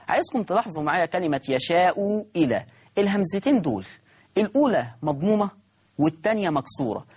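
Egyptian guy teaching quran reading, husky voice, says words over slow to show them. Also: on the high side. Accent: Egyptian Arabic. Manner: repeats words slowly to demonstrate pronunciation, asks rhetorical questions. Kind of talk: recorded recitation lesson.

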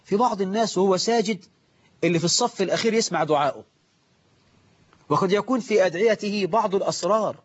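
A man preaching with an Egyptian accent and a fairly high voice, moving between brisk explanation, mimicry of worshippers, and stern scolding. The recording sounds dull and lo-fi. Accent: Egyptian Arabic. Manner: lively, mimics worshippers, scolds, slows to recite quotations. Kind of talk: religious lesson on prayer.

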